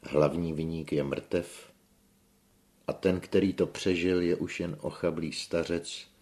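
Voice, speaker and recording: Man voicing an earnest young man, measured, persuasive, very deep, gravelly, audiobook. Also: fairly even intonation, a little mellow.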